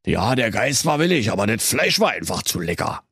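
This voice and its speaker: A man's voice: fairly high pitch, very animated, normal speed, dry recording, studio quality, voice pushed up. A man voicing a bossy male wolf disguised as Santa who scolds his partner. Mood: sheepish.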